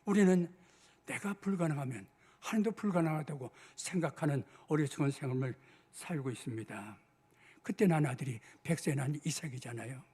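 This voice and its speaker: A man's voice: on the high side, normal speed, mellow, slightly rough. An older man, a senior pastor, preaching a sermon in church and acting out biblical dialogue in a conversational way. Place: church sanctuary.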